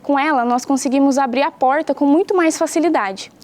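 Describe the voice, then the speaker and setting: This young Brazilian teacher gives a patient science lesson at home, explaining clearly and quizzing her pupils as she goes. Her voice sits high but has a darkish tone, and she moves at a fairly quick clip.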